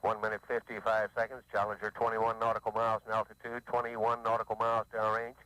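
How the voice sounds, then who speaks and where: A man giving clipped, steady launch callouts over a crackling space radio link that breaks up, heard on an old archival recording. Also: fairly low pitch, quick pace. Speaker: mission control announcer.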